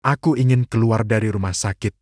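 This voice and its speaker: A man's voice: on the low side, fairly quick, a little mellow, no echo, clean studio sound, lightly acted. A man voicing a dying young woman who pleads with her former lover, in a story recap. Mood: pleading.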